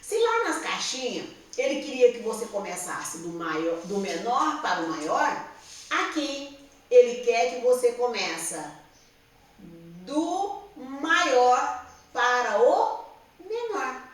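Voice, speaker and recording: Slow, patient Brazilian teacher, roomy echo. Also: female voice, fairly high pitch, very animated, recorded from a distance. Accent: Brazilian Portuguese. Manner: patient, repeats and checks understanding with "tá?". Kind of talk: slow classroom explanation to young pupils. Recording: roomy echo, speaker somewhat off-mic.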